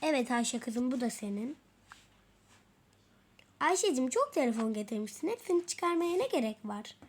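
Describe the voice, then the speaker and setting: A fussy middle-aged mother, played by a woman who keeps exclaiming and muttering in exasperation. Her voice sits high and bright. It is a homemade toy role-play story with faint background noise. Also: sing-song, moderate pace.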